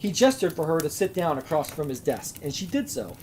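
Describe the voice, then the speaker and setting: A woman's voice: low-pitched, very animated, brisk, a little mellow, slight background noise. Sarcastic young woman mocking a story. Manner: sarcastic, swearing, mocking asides. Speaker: host reading a story aloud. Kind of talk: comedic live reading with commentary.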